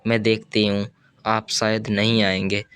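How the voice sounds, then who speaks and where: A man's voice: fairly low pitch, little pitch movement, a little slow, fairly bright tone. A man reading the part of a young married woman, bold and intense, in an audiobook, with an earnest, insistent delivery.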